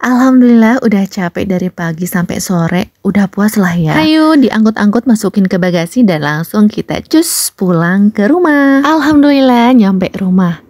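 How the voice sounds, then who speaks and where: A young woman vlogging about her day, chatty and playful as she talks to other mothers. Her voice is mellow and relaxed, and it sits close and dry with no room around it. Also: mid-range voice, normal speed, dry recording. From Indonesia. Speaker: vlogger and homemaker. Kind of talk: casual vlog voice-over.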